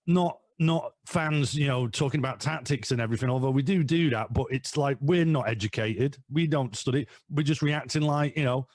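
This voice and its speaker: A man's voice: medium pitch, normal speed, hardly any pauses, darkish tone, no room sound, clean studio sound. A middle-aged man from northern England chatting enthusiastically as a podcast guest, rambling with restarts. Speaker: podcast guest, father and co-host of a fan podcast. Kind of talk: casual chat.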